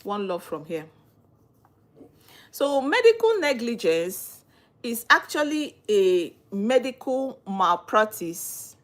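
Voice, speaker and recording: With big swings in pitch and a slow pace, a young Nigerian woman with a high-leaning voice and a Nigerian accent hosts a live stream about legal topics. She answers viewer comments, welcomes people by name and asks earnest rhetorical questions.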